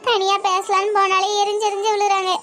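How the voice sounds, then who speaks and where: Woman voicing a young cartoon woman, very high pitch, pleading, upset, family drama. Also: steady tone, unhurried, fairly bright tone, faint music behind. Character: young woman, tearful and worried. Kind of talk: animated family drama dialogue.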